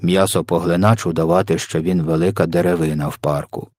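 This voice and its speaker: A man doing a gentle muddled giant. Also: low-pitched, fairly even intonation, brisk, dry recording, clean studio sound, voice pushed down. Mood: explaining. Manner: soft, muddled, made-up words. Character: kindly big male giant, soft-spoken, mangles words. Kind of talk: audiobook reading.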